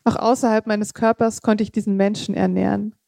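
A woman reads her own literary prose aloud, measured and steady, now and then slipping and correcting herself. Her voice is mellow and warm rather than bright. The sound is dry and close, with no room echo. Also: mid-range voice, vocal fry. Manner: measured reading with occasional slips and casual asides. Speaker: author reading her own text.

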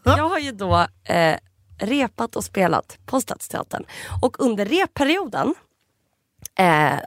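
A woman's voice: mid-range voice, very animated, dry recording, studio quality. A woman in her twenties, a podcast co-host, telling stories in casual chat with many fillers and restarts. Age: 20s.

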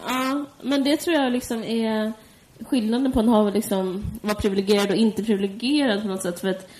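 A woman's voice: a little high, steady tone, a little mellow, a little hiss or hum. A woman co-hosting a podcast, thoughtful and a bit hesitant. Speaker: podcast co-host. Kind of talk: casual chat.

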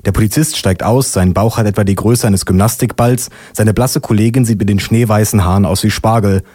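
A man performs a sardonic spoken-word story in a dry, deadpan way. His tone is mellow and unforced. The sound is dry and close, with no room around it. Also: on the low side, brisk, dry recording. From Leipzig. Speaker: poetry slammer.

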